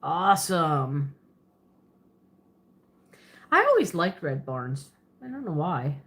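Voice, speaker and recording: Low-sitting and fairly bright, this woman's voice swings widely in pitch as she takes her time. The Pennsylvania livestream host, Pennsylvania Dutch accent with a Southern twist, answers viewers in a casual, rambling way, laughing often and fixing her own words.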